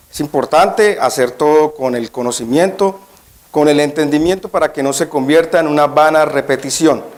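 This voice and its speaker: A Colombian man delivers a church sermon as a guest preacher, his medium-pitched voice a little mellow. He starts out nervous, then turns emphatic, often putting questions to the congregation.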